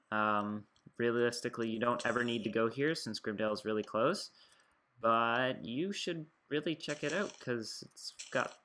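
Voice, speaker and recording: Young male gaming host: bright tone, chatty and rambling, lots of ums. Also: mid-range voice. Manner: rambling, filler-heavy, chatty. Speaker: gaming YouTuber. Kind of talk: casual gameplay commentary.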